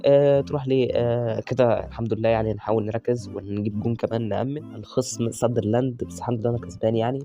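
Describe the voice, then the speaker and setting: A man with an Egyptian Arabic accent giving excitable, chatty live commentary on a football video game as a gaming YouTuber. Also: medium pitch, racing, few pauses, soft background music. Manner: excitable, chatty, cheers on players by nickname.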